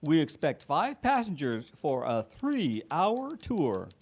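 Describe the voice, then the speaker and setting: A man playing a jolly cruise skipper in a parody news interview, with a husky, singsong storytelling way of talking. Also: a little high, huge pitch swings, takes it slowly, darkish tone, heavily acted. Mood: jovial.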